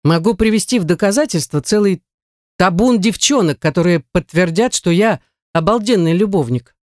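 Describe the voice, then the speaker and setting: A reader voicing a hot-tempered, pushy young man with a lower, blunt and insistent delivery, in an audiobook. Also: moderate pace, a little mellow, no echo, studio quality, natural voice. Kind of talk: audiobook character voice.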